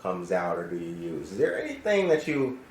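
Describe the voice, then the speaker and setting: A man with a fairly low voice hosts a relaxed interview, tossing in quick quips. The room sounds echoey, with a light hiss behind him. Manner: joking, brief interjections. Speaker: podcast host. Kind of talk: casual interview chat. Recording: roomy with faint hiss.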